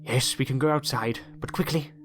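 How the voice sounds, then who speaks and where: A man's voice: mid-range voice, normal speed, a bit bright, lightly acted. A man voicing a weary, huffy, grandfatherly old time traveller with fussy, old-fashioned phrasing and muttering in an audiobook. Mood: cautious. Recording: music behind the voice.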